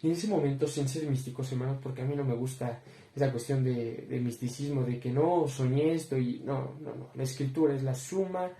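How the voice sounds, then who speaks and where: A man's voice: medium pitch, a little fast, dark tone. Earnest young man teaching the Bible. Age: young adult. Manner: earnest, repeatedly addresses listeners as brothers. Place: room with bookshelves behind him. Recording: roomy echo.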